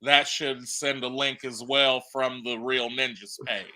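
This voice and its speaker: A man's voice: medium pitch, fairly even intonation, a little slow, pushed and bright. A man co-hosting a casual podcast, laid-back and slangy, always adding "you know what I'm saying". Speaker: podcast co-host.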